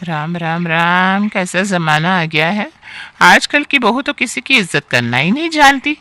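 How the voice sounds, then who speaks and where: A nagging elderly aunt-in-law picks at everything with sighing complaints, as a man voices her. The tone is bright and piercing and sits fairly high. The sound is dry and close. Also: lively intonation, measured pace, dry recording, exaggerated voice. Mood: scolding. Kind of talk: storybook character acting.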